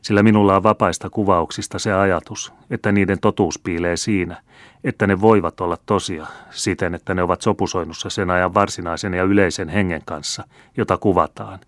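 A man's voice: deep voice, steady tone, dry recording, studio quality, natural voice. A man reading an old, reasoning storyteller. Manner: measured, explanatory storytelling. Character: elderly male storyteller, calm and reasoning. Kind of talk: audiobook character reading.

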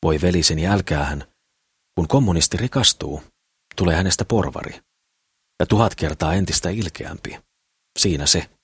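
A man's voice: deep voice, expressive, pauses often, husky, no room sound, studio quality, exaggerated voice. A man reading the lines of a blunt, jaded working man in an audiobook, in a teasing way. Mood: mocking.

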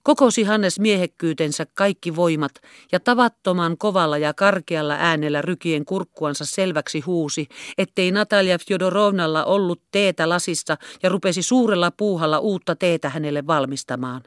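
Woman, audiobook narrator, classic novel, steady delivery, smooth voice, dry close recording. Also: fairly low pitch, no echo. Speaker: audiobook reader.

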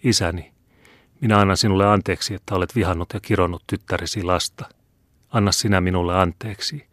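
A man's voice: low voice, fairly even intonation, a bit bright, no room sound, studio quality. A man reading as a passionate dying mother. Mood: fading. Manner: impassioned, pleading.

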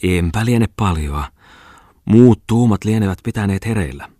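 A man's voice: on the low side, lively intonation, mellow, no echo, clean studio sound, pitched above the performer's own voice. A man reading a novel aloud, voicing a pale, doubtful village shoemaker who speaks in a whiny, hesitant way. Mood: doubting. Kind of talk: audiobook character reading.

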